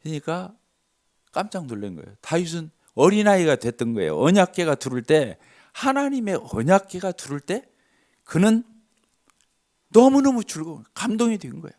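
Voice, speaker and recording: A man's voice: fairly high pitch, very animated, moderate pace, darkish tone. A male pastor preaching a revival sermon, asking the congregation questions and acting out the story's dialogue. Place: church sanctuary.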